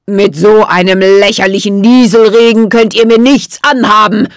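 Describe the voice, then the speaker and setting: A woman voicing a cold, sneering evil male winter sorcerer in a storybook reading, with an icy, cutting, hoarse manner. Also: medium pitch, steady tone, moderate pace, no echo, studio quality, voice pushed up, lightly acted. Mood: hissing.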